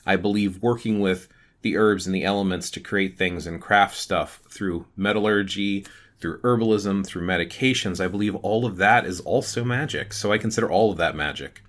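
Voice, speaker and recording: A man with a very low but bright, forceful voice talks to the camera about his own ideas. He explains things thoughtfully, stopping often to gather his words. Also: moderate pace. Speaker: channel host. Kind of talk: casual talk to camera.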